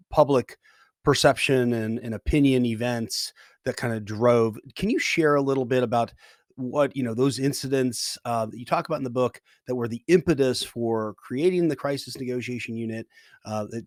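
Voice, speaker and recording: A man's voice: medium pitch, normal speed, darkish tone, dry recording, studio quality. A man conducting an interview, putting questions to his guest in a conversational way.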